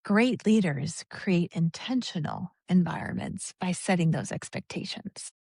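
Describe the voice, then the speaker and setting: A woman's voice: fairly low pitch, lively intonation, measured pace, a little mellow, slightly rough, dry recording, studio quality. A woman co-hosting a podcast, chatting in an upbeat, encouraging way about workplace leadership. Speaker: podcast co-host. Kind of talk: casual podcast chat.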